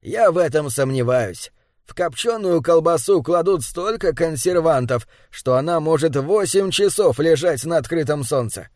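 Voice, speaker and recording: Male reader as a wry, curious writer; measured and insistent, slightly high voice, dry sound. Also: animated, a little mellow, dry recording, natural voice. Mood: reasoning. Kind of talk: audiobook character dialogue.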